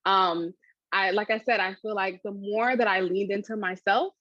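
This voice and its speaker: Female interviewee, mid-pitch, chatty and animated, laughs a lot; dry, slightly dull recording. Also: moderate pace, no room sound. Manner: chatty, animated, laughs often, many fillers. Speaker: interviewee, food channel creator. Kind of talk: casual interview answers.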